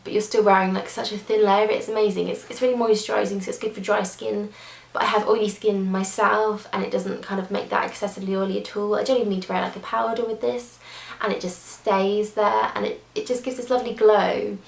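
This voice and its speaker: A woman's voice: medium pitch, little pitch movement, a little fast, gravelly. A young woman chatting casually through a beauty product review, gushing, with lots of fillers and restarts. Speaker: beauty vlogger. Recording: echoey room.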